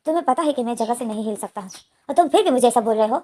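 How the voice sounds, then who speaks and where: A stubborn, bedridden young man, as a woman storyteller puts him on snaps back in curt, demanding lines. The voice sits fairly high, with a mellow tone. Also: expressive, racing. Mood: angry.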